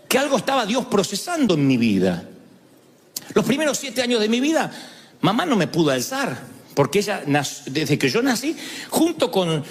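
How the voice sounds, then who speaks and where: A man, a pastor preaching a sermon at a church service, telling jokes and stories in an animated way. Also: sits high. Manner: animated, joking storytelling. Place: church service before a congregation. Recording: long reverb in a large hall.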